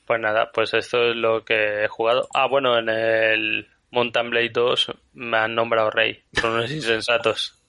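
A man's voice: medium pitch, level tone, a little slow, few pauses, bright, forceful tone, clean tone, dry recording. A man co-hosting a podcast, chatting casually in a jokey way. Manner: jokey, laughs easily. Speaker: podcast co-host. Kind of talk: casual chat.

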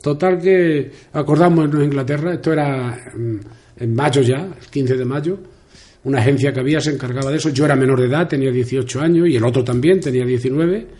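An older man with an Extremaduran accent tells his story at a local radio interview. His voice is mellow and warm, and he rambles, repeating words and acting out the lines of people he met. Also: medium pitch, fast. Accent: Extremaduran Spanish. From Spain. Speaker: interview guest.

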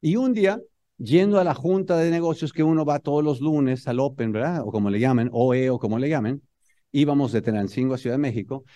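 A man with a Mexican accent telling a humorous story to an audience in an animated, motivational speaking style. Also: mid-range voice, fairly quick, dry recording.

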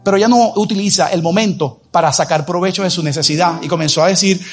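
Man, pastor, high voice, emphatic sermon, rhetorical questions, soft music underneath. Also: fast. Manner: married.

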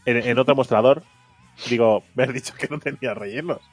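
A man's voice: medium pitch, fairly quick, no room sound, soft background music. A man who hosts a stream, telling a story in casual chat, laughing often and acting out the quotes. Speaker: streamer and show host.

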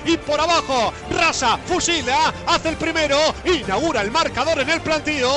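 A man commentating on football in a breakneck, impassioned goal-call style, shouting drawn-out repeated cries and names. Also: very high voice, over music.

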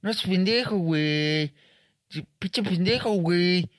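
A man's voice: high voice, unhurried, no echo, voice pushed up. A man doing a whiny Mexican activist type. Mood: indignant. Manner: whiny, ranting. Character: indignant young leftist man ranting.

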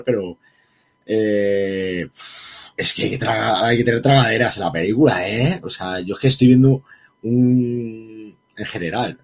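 A man's voice: fairly low pitch, a little mellow, husky. A man co-hosting a casual film review chat, heated and emphatic, swearing freely. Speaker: podcast co-host reviewing a film.

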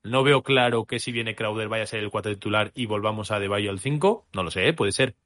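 A man's voice: fairly low pitch, fairly quick, a bit bright. A man co-hosting a casual podcast, thinking aloud with many hesitations as he weighs his opinions. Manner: musing, hesitant, restarts often. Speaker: podcast co-host.

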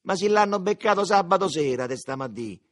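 A man's voice: high-pitched, lively intonation, a little fast, fairly bright tone, pitched above the performer's own voice. A man voicing rowdy Roman teen boys with a crude, jeering Roman accent. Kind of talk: audiobook character voice.

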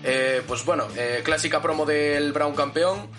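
A man's voice: on the high side, unhurried, a bit bright. A man hosting a podcast in the manner of a wrestling commentator, talking conversationally over music. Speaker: podcast host. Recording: music bed behind the voice. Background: guitar music.

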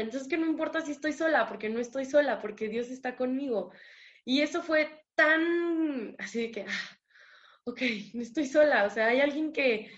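A woman's voice: fairly high pitch, lo-fi sound. Candid young Mexican woman telling her story. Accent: Mexican Spanish. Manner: candid, storytelling with acted-out dialogue. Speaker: guest. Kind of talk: personal testimony.

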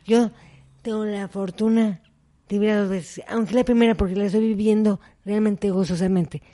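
A woman's voice: mid-range voice, moderate pace. A middle-aged woman, telling personal stories as an interview guest and acting out the dialogue. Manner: animated storyteller, acts out dialogue. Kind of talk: personal storytelling in conversation.

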